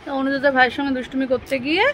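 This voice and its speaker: A young woman filming and talking to her small son in a casual family vlog, teasing him and then soothing him gently. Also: sits high, fairly even intonation, very fast, slight background noise, poor audio.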